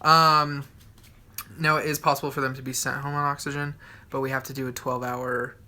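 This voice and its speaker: A young man hosting a live vlog, chatting casually with playful, animated asides. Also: medium pitch, fairly quick. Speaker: vlog host. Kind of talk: casual live-stream chat.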